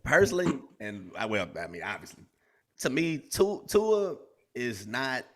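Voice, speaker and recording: A man's voice: medium pitch, very animated, a little slow, fairly bright tone. A man co-hosting a casual sports podcast, laid-back and slangy, breaking down players with stats. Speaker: podcast co-host.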